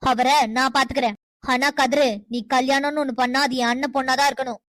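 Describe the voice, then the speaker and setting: A woman's voice: sits high, little pitch movement, quick pace, fairly bright tone, no echo. A woman voicing a domineering, scheming mother who scolds and commands her grown son in a cartoon. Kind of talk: cartoon voice acting.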